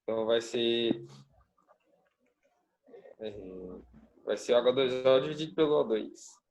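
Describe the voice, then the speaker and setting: A man's voice: mid-range voice, a little slow, darkish tone. A male student on an online call whose audio keeps breaking up, answering hesitantly as he works it out aloud. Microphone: video call. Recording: muffled noisy online call.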